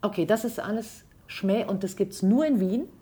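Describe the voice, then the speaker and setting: A woman's voice: medium pitch, normal speed, mellow. A woman from Hesse hosting a podcast, chatting with a guest in his home and asking curious follow-up questions. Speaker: podcast host. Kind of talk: casual interview.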